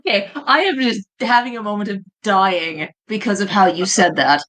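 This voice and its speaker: A woman playing a tabletop game, quick and joking with the table. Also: medium pitch, fairly bright tone. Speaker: player. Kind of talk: casual game chat.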